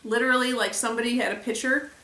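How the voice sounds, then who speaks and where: A young woman vlogger chatting casually to the camera, retelling events with lively acted quotes. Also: a little high, rapid-fire, far from the mic, a little hiss or hum. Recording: echoey room, a bit off mic.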